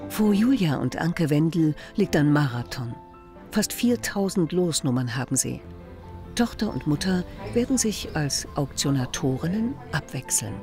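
A woman's voice: low voice, expressive, unhurried, mellow, faint music behind. A woman reading scripted narration for a television documentary report.

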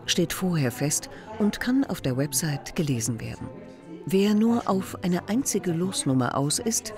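A woman reading scripted narration for a television documentary report. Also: deep voice.

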